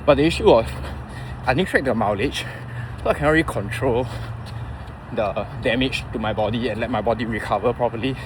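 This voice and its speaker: A man in his thirties with a Singaporean accent, rambling casually to a vlog audience in a halting, informal way, thinking aloud. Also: medium pitch. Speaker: running vlogger. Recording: clear outdoor traffic and vehicle noise.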